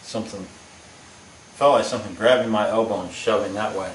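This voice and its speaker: A man on a ghost hunt talks in a halting, easygoing way, with restarts as he tells his story. The voice is roomy and echoey, picked up from a distance, with a faint hiss of noise behind it. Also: lowish voice, steady tone. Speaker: paranormal investigator. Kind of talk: casual chat. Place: old house, indoors.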